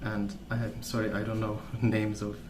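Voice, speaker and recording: A man with a fairly low-pitched voice creates ASMR content, rambling softly and gently without hurry in a casual, storytelling way. Background noise is clearly heard in the roomy-sounding recording.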